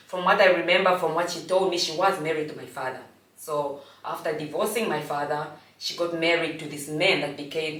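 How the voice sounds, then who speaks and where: A woman in her forties from Namibia recounts her past in a slow, reflective monologue and often stops to restart her sentences. Her voice sits low. She sounds a bit distant from the mic, in a room that echoes. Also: fairly bright tone. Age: 40s. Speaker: host. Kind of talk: personal storytelling monologue.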